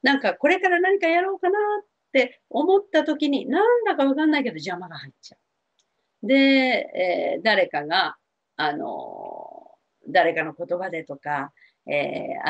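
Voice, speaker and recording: Middle-aged woman counselor, soft and reassuring, speaking to TV viewers; lively, expressive pitch; slightly dull lo-fi sound. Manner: gentle, reassuring, many fillers. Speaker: spiritual counselor answering viewer questions. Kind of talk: advice talk to TV viewers. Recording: dull lo-fi TV audio.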